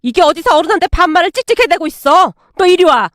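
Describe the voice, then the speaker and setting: A woman voicing a hot-tempered mother-in-law in her sixties who scolds and shouts in anger, in a story read aloud. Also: extremely high pitch, expressive, fast talker, dry recording, studio quality. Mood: furious scolding. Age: 60s. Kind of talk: storytelling with acted dialogue.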